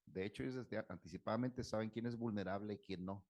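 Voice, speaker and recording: Low-voiced Mexican man telling stories. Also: quick pace, darkish tone, dry recording. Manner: storytelling, acts out dialogue with shifting voices. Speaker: psychologist giving a talk. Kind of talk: casual lecture with anecdotes.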